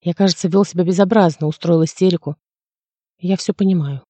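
A broken-down detective, as a man reads him, cries out in despair and then speaks quietly. This is a storybook reading with a dry, close sound. The reader has a mellow tone. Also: sits high, fairly even intonation, fairly quick, no room sound. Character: grief-stricken male detective, breaking down.

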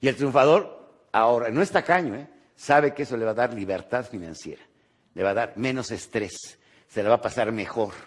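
A Mexican man giving a motivational lecture, animated and rhetorical, tagging his points with quick questions to the audience. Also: mid-range voice, slightly rough. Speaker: motivational speaker.

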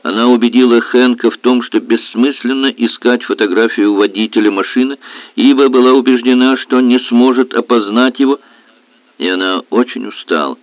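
A man reading a detective novel aloud in measured, even scripted narration. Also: medium pitch, no room sound. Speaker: audiobook reader. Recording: dry, tinny phone-like sound.

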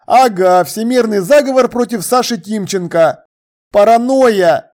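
An audiobook reader voicing a flustered young man in trouble, defensive and hurried. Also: mid-range voice, a little mellow, pitched above the performer's own voice, natural voice. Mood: urgent. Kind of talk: audiobook dialogue.

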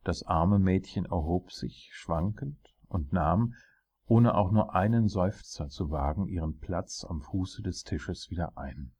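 A man narrates a dark audiobook tale with a very deep, low voice. There is a husky grain to it, and he tells the story gravely and at a measured pace.

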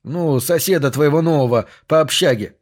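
A man's voice: on the high side, normal speed, natural voice. A man voicing a nervous thirty-year-old man questioning a friend.

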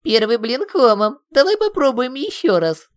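A tiny clay golem squeals and jeers in a shrill, wildly swooping voice. He taunts without letup, gleeful and spiteful. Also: very animated, moderate pace. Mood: taunting. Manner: taunting, mocking. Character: squeaky gloating little male clay golem. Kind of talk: audiobook character voice.

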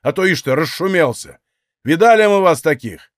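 A man voicing a rude, loud armed Cossack soldier shouting orders in an audiobook. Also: on the high side, lively intonation, normal speed, dry recording, clean studio sound, lightly acted.

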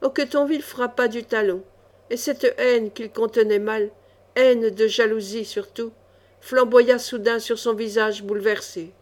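A woman narrating a swashbuckling historical novel as an audiobook, expressive and measured. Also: a little high.

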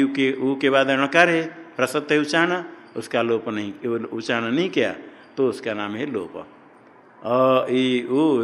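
A man's voice: medium pitch, a bit bright. Man teaching in a reverberant hall. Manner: asks questions and answers them himself, repeating terms. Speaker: Sanskrit grammar teacher. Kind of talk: classroom lecture. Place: hall or classroom at an ashram.

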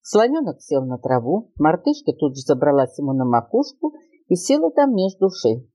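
An older woman reads a children's tale at home with an expressive, storytelling touch. Her pitch rises and falls with animation, and the voice sits close and dry. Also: normal speed, no room sound. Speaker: grandmother reading to her grandson.

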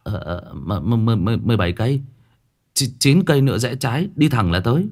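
A man's voice: mid-range voice, expressive, brisk, darkish tone, natural voice. A man voicing a panicky young male student who stammers and repeats himself. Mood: stammering.

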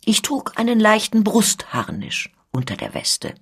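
A woman reading the part of a proud, soldierly male count who is a guard colonel, in a measured, emphatic manner. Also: mid-range voice, huge pitch swings, vocal fry, breathy edge, voice pushed up, heavily acted.

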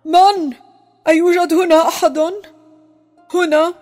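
A woman voicing a kindly, loyal old male servant in a children's audio drama, often talking in a hush. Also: very high voice, steady tone, a little slow, soft background music. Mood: frightened. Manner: fearful at first, later hushed and secretive.

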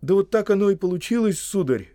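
Sam: a squeaky, pleading young hobbit. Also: male voice, expressive, fast, warm tone, no room sound, studio quality. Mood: sheepish. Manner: pleading, rustic speech. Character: young male hobbit gardener, simple and eager.

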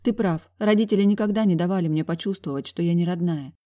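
A woman narrating a first-person audiobook, reading the dialogue with emotional, expressive delivery. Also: fairly low pitch, fast.

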